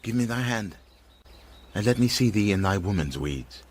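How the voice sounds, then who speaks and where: An actor playing a noble, lovestruck count in a radio Shakespeare drama, with measured, formal delivery. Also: male voice, lowish voice, lively intonation. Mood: tender resolve. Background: music.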